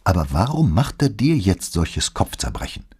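A man voicing a calm middle-aged police detective who speaks in a measured, dryly understated way in an audiobook. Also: sits low, breathy edge, exaggerated voice.

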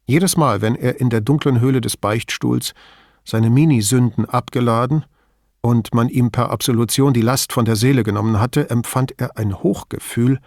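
A man narrating a novel as an audiobook, in an expressive storytelling manner. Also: medium pitch, normal speed, dry recording, clean studio sound. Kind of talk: scripted narration.

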